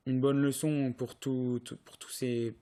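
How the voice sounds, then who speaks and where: Young man, cyclist guest, hesitant answers, monotone, dark tone. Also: medium pitch, a little slow. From France. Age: young adult. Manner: hesitant, many restarts and fillers. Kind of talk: casual interview answers.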